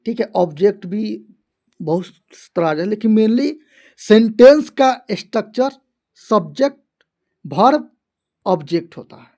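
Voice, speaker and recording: A man gives an online grammar lesson at an unhurried, deliberate pace. He circles back over every point, repeating key terms. He reads his example sentences out slowly, word by word. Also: high voice, expressive, a little mellow. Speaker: English grammar teacher.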